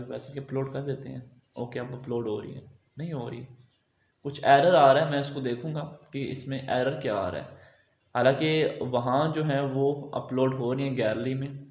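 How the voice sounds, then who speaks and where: Man explaining software in an echoey room. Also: medium pitch, moderate pace. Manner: relaxed, thinking aloud with fillers and okays. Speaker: web design tutor. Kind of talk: screen-recorded software tutorial.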